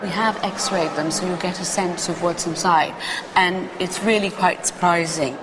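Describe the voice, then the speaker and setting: A woman's voice: fairly low pitch, steady tone, normal speed. A woman speaking as an expert, explaining things informally to an interviewer. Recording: clear ambient noise.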